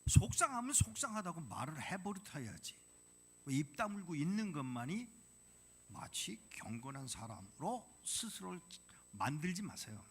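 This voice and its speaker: A male missionary preaching a sermon in a church, blunt and provocative with the congregation, swinging from hushed whispers to loud outbursts. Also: a little high, very animated, normal speed, husky. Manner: dramatic, drops to whispers then bursts out loudly. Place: church sanctuary.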